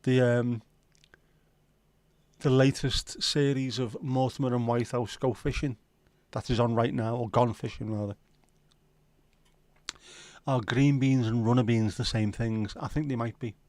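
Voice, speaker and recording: Hosting a livestream, a middle-aged Liverpool man with a Scouse accent reads out viewer comments and answers them with banter, jokes and plenty of swearing. His mid-range, darkish voice stays steady at a measured pace with frequent pauses, and there's no room sound.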